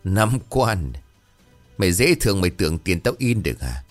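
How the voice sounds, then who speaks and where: A man's voice: deep voice, sing-song, moderate pace, soft background music. A man voicing a greedy, harsh old village money-lender who talks down to the poor in a scornful, threatening way. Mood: domineering.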